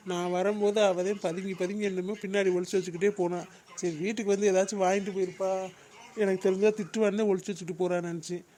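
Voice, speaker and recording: Someone doing a calm cartoon father. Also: mid-range voice, fast talker, lightly acted. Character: calm middle-aged father of the house. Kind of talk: comedy cartoon voice acting.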